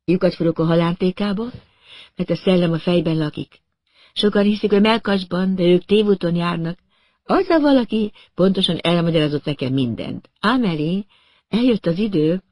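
Guy doing a crazed obsessive young woman in an audiobook, higher and pushier than his own voice. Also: darkish tone, no room sound. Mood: fixated. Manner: feverish, fixated, menacing. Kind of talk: audiobook reading.

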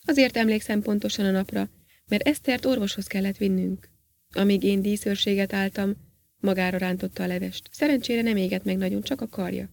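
A woman reads a resigned, uneasy male astronaut in a spoken story, hesitant and prone to stopping to correct himself. The tone is gravelly at a medium pitch. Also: steady tone, darkish tone.

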